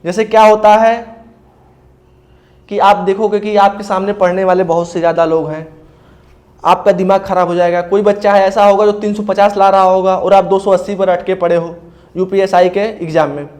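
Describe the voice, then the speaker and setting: Man, high-pitched, casual exam coaching, step-by-step explanations. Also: level tone, normal speed, a little mellow. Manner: explains step by step, often says "ठीक है भैया". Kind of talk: casual spoken advice talk.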